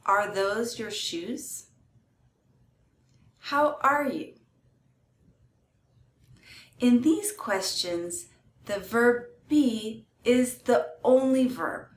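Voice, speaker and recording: A woman's voice: fairly high pitch, lively intonation, extremely slow, pauses often, echoey room. A woman teaching English grammar, carefully saying each example sentence. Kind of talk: slow, clear grammar lesson.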